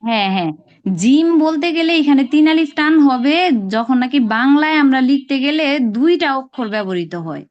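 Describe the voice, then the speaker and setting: A woman with a high voice leads an online lesson, explaining patiently step by step. She stretches each sound she demonstrates. The call audio is dull and lo-fi. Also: animated, fairly quick, darkish tone. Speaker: Arabic pronunciation teacher. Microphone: video call.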